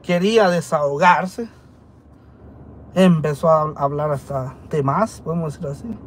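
A man's voice: a little high, a little slow. A man from Guatemala with a Guatemalan Spanish accent, telling his side of a story to camera in an earnest, defensive way and often stopping to rephrase. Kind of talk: casual talk to camera. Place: dental clinic waiting area.

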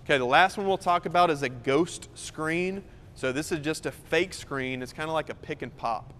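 A man's voice: fairly high pitch, moderate pace, fairly bright tone. A young man explains basketball moves in a loose, conversational way as he demonstrates them. His voice rings out with a long reverb in a large indoor gym. A faint noise sits underneath. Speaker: basketball coach. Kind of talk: casual on-court demonstration.

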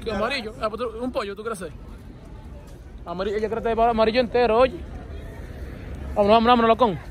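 A man's voice: high-pitched, fairly even intonation, fast. A young man, vlogging and teasing friends in slangy, joking banter outdoors, filmed on a handheld phone. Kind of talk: casual street vlog banter. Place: outdoors at a school field day on a city street. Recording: crowded outdoor street noise. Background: crowd chatter and passing traffic.

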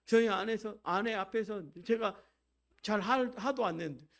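A man preaching a Sunday sermon as pastor, exhorting the congregation and swinging from loud, rising preaching to quiet, conversational storytelling. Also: sits high, moderate pace. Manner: exhorting, repeatedly addresses the congregation.

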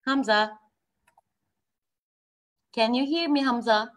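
Admissions rep, woman, higher-pitched, reassuring and repetitive, heard over a video call that keeps dropping out. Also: slow pace, fairly bright tone. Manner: reassuring, repeats herself. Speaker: university admissions representative. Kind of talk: live online info session.

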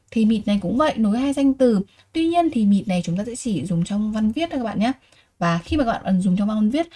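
A Korean language teacher whose first language is Vietnamese teaches a vocabulary lesson in a medium-pitched, darkish voice. She repeats each word and asks her students rhetorical questions.

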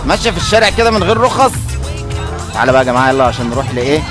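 A man with an Egyptian Arabic accent giving playful, joking gameplay commentary as a video host, often breaking into shouts. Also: medium pitch, very animated, racing. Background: game music.

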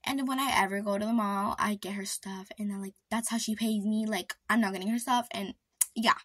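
A woman's voice: mid-range voice, fairly even intonation, fairly quick, husky, no room sound. A woman chatting to camera, gossiping about her sisters in a dramatic, indignant way, full of "like", now and then dropping to a whisper for secrets. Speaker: vlogger.

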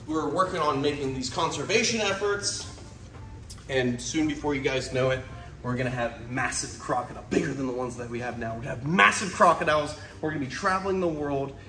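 A man's voice: medium pitch, fast talker, pushed and bright. A young man hosting a casual wildlife vlog with playful, enthusiastic energy. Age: young adult. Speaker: wildlife host, snake keeper. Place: indoor concrete-floored reptile room. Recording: echoey hard-floored room.

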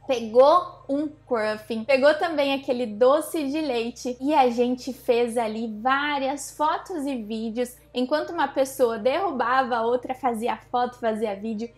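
A young woman from Brazil, a marketing coach giving upbeat business tips straight to the camera from her living room sofa. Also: high-pitched. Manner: upbeat, addresses viewer directly. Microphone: fixed camera, medium framing.

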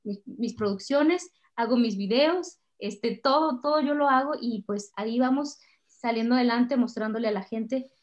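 A middle-aged Mexican woman, a singer, chatting warmly and emotionally in an interview. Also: on the high side, moderate pace. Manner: warm, chatty, emotional storytelling. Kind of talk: casual interview chat. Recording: slightly dull lo-fi sound.

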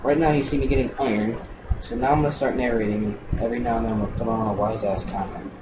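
Speaking quickly in a steady, mid-range voice, a young gameplay narrator rambles through his block-game footage with casual annoyance and plenty of swearing. The let's-play commentary is captured in a noisy recording.

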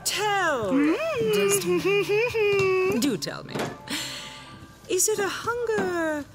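Flamboyant showwoman, slow and swooping. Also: extremely high pitch, big pitch swings, heavily acted. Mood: seductive, grand. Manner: theatrical, grandiloquent, lingering on words. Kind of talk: video game character acting. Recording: game music behind the voice.

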